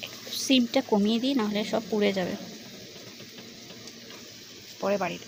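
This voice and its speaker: A young woman casually narrating a home cooking vlog in a dim kitchen, talking quietly because others are nearby, with no external mic. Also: medium pitch, measured pace, gravelly. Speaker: cooking vlogger. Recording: noisy home recording without a mic.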